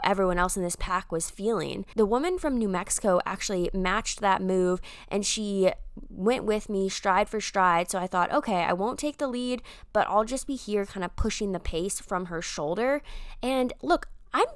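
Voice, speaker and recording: A woman's voice: mid-range voice, clean tone, dry recording, clean studio sound. A young woman, a runner, giving an upbeat, chatty voice-over analysis of her own race, with casual fillers.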